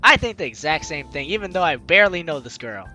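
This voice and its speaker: Over game music, a woman hosting a gaming channel plays through a casual let's play, reading the game's text aloud. She reacts to the story in an animated, chatty way. Her voice is deep and her pace quick.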